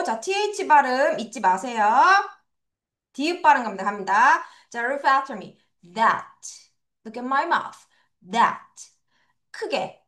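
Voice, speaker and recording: High, animated woman teaching children. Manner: animated, playful sound words, drills pronunciation. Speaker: English teacher. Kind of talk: children's vocabulary lesson. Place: academy classroom or studio. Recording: echoey room.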